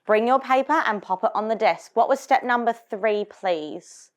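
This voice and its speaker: A woman teacher explaining and giving patient, clear classroom instructions. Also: on the high side, moderate pace. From Australia. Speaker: primary school teacher.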